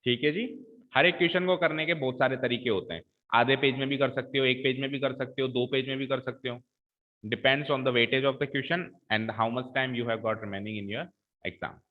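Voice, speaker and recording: A man's voice: mid-range voice, steady tone, normal speed. A middle-aged man teaching a maths lesson, talking students through each step and checking in with them often. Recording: tinny phone-like sound.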